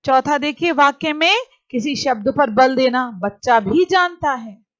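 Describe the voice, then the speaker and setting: Woman teacher, higher-pitched, slow and deliberate, reading rules off a lesson; dull lo-fi sound. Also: expressive, fairly bright tone. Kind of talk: grammar lesson. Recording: dull lo-fi recording.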